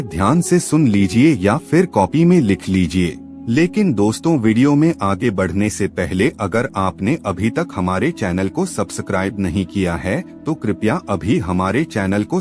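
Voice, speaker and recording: A man's voice: on the low side, a little mellow. A man giving scripted devotional voice-over, earnestly instructing listeners and calling them friends. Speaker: spiritual channel narrator.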